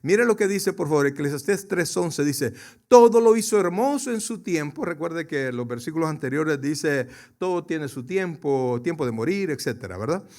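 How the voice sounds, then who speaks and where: Male pastor, high voice, emphatic sermon delivery with rising and falling volume, talks straight to the congregation. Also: animated, moderate pace. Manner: emphatic preaching, swings from soft to loud; addresses the congregation directly, asks questions.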